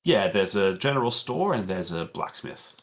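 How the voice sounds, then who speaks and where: A man narrating a tabletop game as game master in a relaxed, meandering way with many fillers. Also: low-pitched, normal speed.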